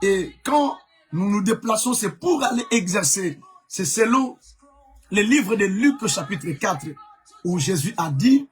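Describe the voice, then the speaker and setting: A man's voice: sits high, expressive, a little slow, husky, faint music behind. A man from Congo preaching a live-streamed sermon as an evangelist, emphatic, repeating key words, with many fillers.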